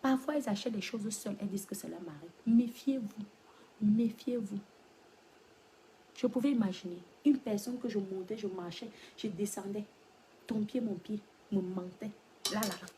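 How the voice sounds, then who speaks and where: A woman giving advice to her followers in a live-stream monologue, swinging between loud exclamations and hushed whispers. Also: mid-range voice, normal speed, a little hiss or hum. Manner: addresses listeners as girlfriends, lecturing tone.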